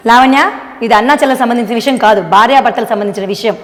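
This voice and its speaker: A woman acting as a wife who is fed up with her deceiving husband, speaking in a sharp, reproachful way in a melodramatic family drama. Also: a little high, rapid-fire, lightly acted. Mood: scolding. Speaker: actress in a family drama short. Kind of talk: melodramatic short-video acting. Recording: roomy reverb with background music.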